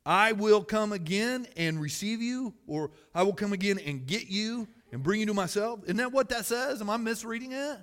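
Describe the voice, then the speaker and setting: A man preaching a sermon to his church, reading scripture loudly and then dropping to quiet, personal musing. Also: sits high, normal speed, few pauses, big-room sound. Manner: animated, swings between loud scripture reading and quiet musing. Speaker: pastor. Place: church sanctuary.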